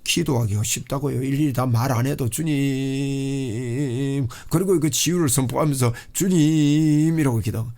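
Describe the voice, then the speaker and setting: A man preaching a sermon as a pastor, fervent, often rising into loud cries of prayer. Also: medium pitch, quick pace, gravelly, hardly any pauses, slightly rough.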